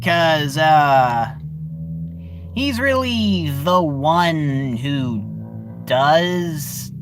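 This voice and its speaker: A man casually reviews a TV series in a slow, unhurried delivery. His pitch moves a lot, and he keeps pausing and restarting with lots of fillers as he searches for the right words. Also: expressive, music in the background.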